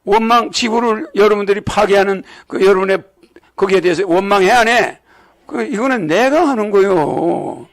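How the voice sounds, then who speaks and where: A man's voice: high-pitched, normal speed. An older man giving a rambling sermon-lecture to followers, repeating himself, chuckling, and often asking the audience whether he's right. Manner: repetitive, asks the audience "right or not?". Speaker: religious leader lecturing followers.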